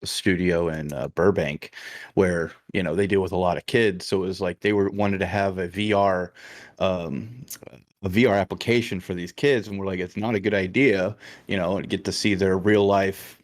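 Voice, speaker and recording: A man, a game developer, chatting casually on a live stream in a measured way, thinking aloud with many fillers. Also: low voice, fairly even intonation.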